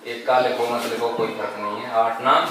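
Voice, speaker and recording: A man's voice: mid-range voice, level tone, normal speed. Male math teacher in echoey room. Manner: asks the class questions and answers them himself; recites multiplication tables aloud. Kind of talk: board lesson. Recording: echoey room, mic far off, noisy.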